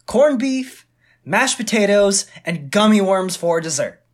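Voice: medium pitch, animated, unhurried, natural voice. A woman doing a timid, earnest young boy. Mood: proud. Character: boy Billy, around nine, timid and earnest. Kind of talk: table read of a screenplay.

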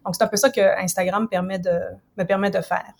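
Speaking with vocal fry and a medium pitch of fairly even intonation, this woman in her fifties is a professor and writer from Ottawa, Canada. As a guest in a relaxed interview, she explains things thoughtfully and at a measured pace.

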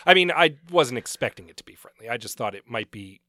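A man's voice: medium pitch, lively intonation, fairly quick, pushed and bright, no echo. A man co-hosts a casual book podcast in a middle-register voice. He sounds scratchy and a bit wheezy, as someone does when getting over a cold. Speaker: podcast co-host. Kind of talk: casual book recap chat.

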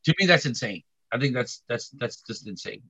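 A man chatting casually on a podcast, halting with many restarts and repeated words. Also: mid-range voice, expressive, vocal fry, bright, forceful tone, slightly rough. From Korean heritage. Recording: dull lo-fi audio.

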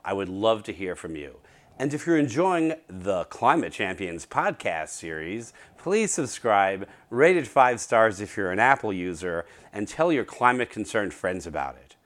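A man's voice: lowish voice, fairly bright tone. A man hosting an interview podcast, closing with a scripted summary and a plain sign-off. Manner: laughs often, ends with a playful spoken rap. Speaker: podcast host.

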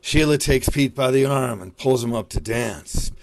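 A man's voice: mid-range voice, normal speed, gravelly, dry recording. A man narrating, reading screenplay stage directions.

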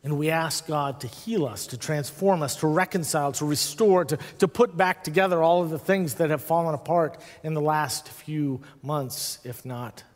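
A middle-aged man preaching a personal storytelling sermon, reflective, easing into soft hushed passages with slow pauses. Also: on the high side. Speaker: pastor. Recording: long hall reverb.

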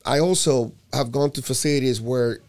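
Guy from puerto rico, youth basketball coach type, talks emphatic and keeps repeating words mid thought, normal middle pitch. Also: normal speed. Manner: animated, emphatic, repeats words when restarting. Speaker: youth basketball program director. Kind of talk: casual conversation.

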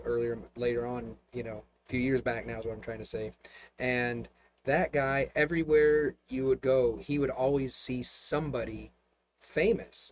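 A man's voice: mid-range voice, a little hiss or hum. A man hosting a casual chat, a pastor, telling rambling stories and laughing often. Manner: rambling, relaxed storytelling with frequent laughs. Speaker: host and pastor. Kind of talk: casual conversation.

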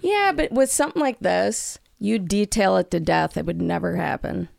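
Woman co-host, heavy vocal fry, slow unhurried telling, dry close mic. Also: mid-range voice, lively intonation, a little mellow, dry recording. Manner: chatty storyteller, teasing interjections. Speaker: podcast co-host. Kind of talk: casual relationship podcast chat.

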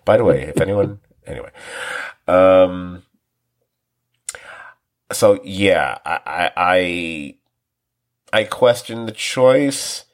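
Co-hosting a podcast that reviews TV shows, a man with a deep voice rambles casually, restarting sentences, drawing out his words and pausing often. He laughs a lot and acts out quoted lines in animated voices.

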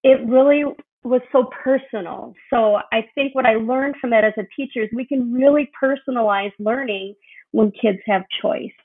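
A woman's voice: on the high side, normal speed, husky. A middle-aged woman, a teacher, answering interview questions with earnest enthusiasm and a few "um" fillers. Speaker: kindergarten teacher, interview guest. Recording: tinny phone-like line.

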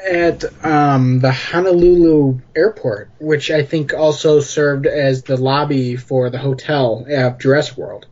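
A man's voice: mid-range voice, fairly even intonation, measured pace, hardly any pauses, darkish tone, lo-fi sound. A man co-hosting a casual film podcast, speaking tentatively and hedging his points. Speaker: podcast co-host.

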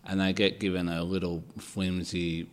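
A man's voice: deep voice, flat delivery, moderate pace, in a large hall. A man co-hosting a podcast, speaking in a laid-back, tired way. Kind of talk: casual podcast conversation.

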